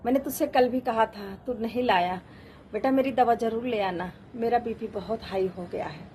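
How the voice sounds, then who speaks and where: Woman reading as frail elderly mother; gentle, pleading, higher pitch. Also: moderate pace, slight background noise, close to an everyday voice. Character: elderly ailing mother, meek and hurt.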